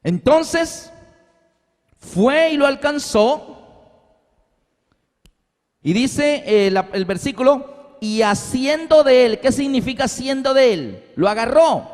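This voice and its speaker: Male preacher, high voice, animated storytelling sermon, long reverb. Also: a little slow, long pauses. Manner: animated storytelling, acting out dialogue.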